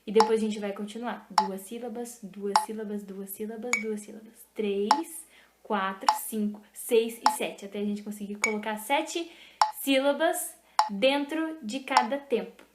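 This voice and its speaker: A young woman teaching an online music lesson, slowly and patiently explaining rhythms and chanting syllables to the beat. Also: fairly high pitch, fairly even intonation. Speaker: music teacher for a youth club. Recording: echoey room, faint noise.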